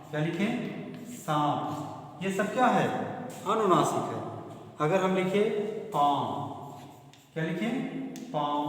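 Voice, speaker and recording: A man teaching a grammar lesson who asks questions and answers them himself, repeating key terms. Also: a little high. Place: classroom or school hall. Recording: strong echo, long hall reverb.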